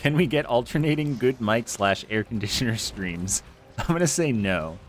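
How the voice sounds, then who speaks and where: Here the streamer's voice sits in the mid range, with lively intonation at a normal speed and faint music behind him. It's casual gameplay chatter, rambling and self-mocking with plenty of fillers, recorded at home on a foam-screened desk mic close up, an air conditioner in the room.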